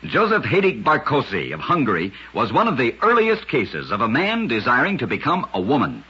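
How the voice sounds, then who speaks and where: On a lo-fi old radio recording, a man hosts a vintage program and narrates short scripted stories in a husky, gritty voice. His medium-pitched delivery is dramatic and brisk, with a sharp tone and wildly swooping pitch.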